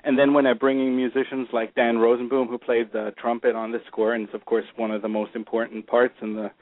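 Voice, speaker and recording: Composer on tinny radio. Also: male voice, medium pitch, level tone, brisk. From Germany. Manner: thoughtful, hesitant, many restarts. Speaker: film composer. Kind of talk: radio interview. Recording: tinny phone-like radio audio.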